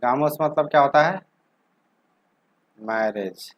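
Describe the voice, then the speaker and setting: A man's voice: mid-range voice, takes it slowly, muffled recording. A young man teaching vocabulary in a lesson, asking questions and answering them himself and drawing words out as he says them. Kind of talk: explanatory lesson with questions to the viewer.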